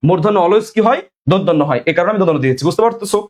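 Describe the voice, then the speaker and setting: Young male tutor, quick-fire drilling style, high-pitched. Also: expressive, darkish tone. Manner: drills students with repeated questions; asks viewers to comment. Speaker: teacher. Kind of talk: online exam-prep lesson.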